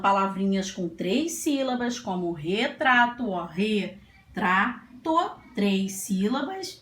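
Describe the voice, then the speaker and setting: A woman teacher giving a children's classroom lesson, patient and sing-song, stretching out syllables as she sounds out words. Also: medium pitch. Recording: echoey room, faint ambience.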